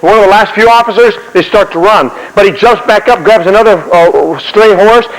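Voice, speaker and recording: A man's voice: high voice, moderate pace. A man telling a historical story in a lecture, acting out scenes and making sound effects. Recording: long hall reverb.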